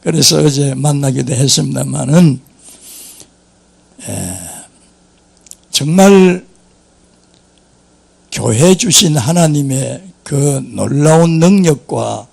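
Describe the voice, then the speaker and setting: Gravelly older pastor with Gyeongsang accent. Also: male voice, on the high side, takes it slowly, pauses often, a little mellow. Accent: Gyeongsang Korean. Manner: jokey, folksy storytelling with chuckles. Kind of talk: sermon.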